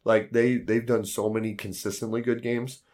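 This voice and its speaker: Hoarse, low-voiced man podcasting. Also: little pitch movement, moderate pace, a little mellow. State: hoarse, worn-out voice from yelling at a convention. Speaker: board game podcast host. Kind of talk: casual podcast chat.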